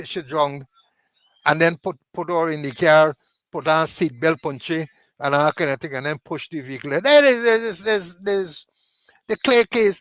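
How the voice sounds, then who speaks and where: A man's voice: high voice, fairly bright tone, no echo, rough recording. An older former police commander, insistent and stammering as he talks. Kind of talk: casual chat.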